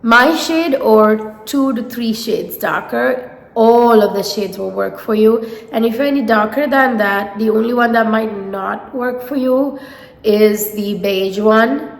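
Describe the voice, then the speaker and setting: A woman's voice: on the high side, a little slow, creaky, reverberant, big-room sound. A woman with a nasal head cold reviewing makeup in a casual, gushing way, talking to her viewers. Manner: gushing, enthusiastic. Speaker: beauty vlogger.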